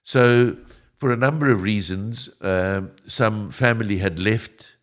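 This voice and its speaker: This interview guest, a man in his seventies who was born in Egypt, grew up in South Africa, and first spoke Italian, talks slowly in a voice on the low side. He laughs frequently and wanders through his answers, often starting over.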